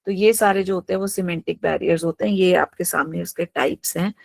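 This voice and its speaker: A woman's voice: lowish voice, a little fast, vocal fry, darkish tone, no room sound. A woman teacher giving an online class lecture, explaining each term through worked examples, mixing in English terms and often saying "absolutely". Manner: mixes English terms into her talk.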